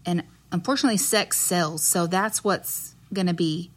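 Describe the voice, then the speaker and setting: A woman's voice: lowish voice, moderate pace. A woman with a West Texas accent speaking as a nurse guest in an interview, explaining earnestly and choosing her words carefully.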